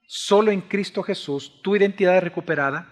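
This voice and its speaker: High-voiced Salvadoran preacher in reverb. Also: male voice, fairly quick. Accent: Salvadoran Spanish. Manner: impassioned preaching, swinging from loud to hushed. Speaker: pastor. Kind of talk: sermon. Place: church sanctuary. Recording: long church reverb.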